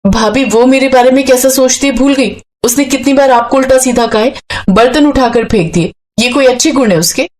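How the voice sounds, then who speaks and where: A woman voicing a gentle, sweet-natured young woman with a bright way of speaking. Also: high voice, fairly quick, voice pushed up, close to an everyday voice. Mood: reproachful.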